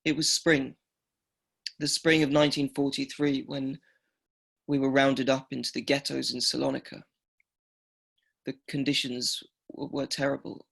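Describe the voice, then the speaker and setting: An actor playing an elderly male Holocaust survivor from Greece, speaking slowly and haltingly and repeating himself. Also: medium pitch, little pitch movement, vocal fry, a bit bright. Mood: somber. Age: older. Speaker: survivor telling his story. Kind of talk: radio documentary drama.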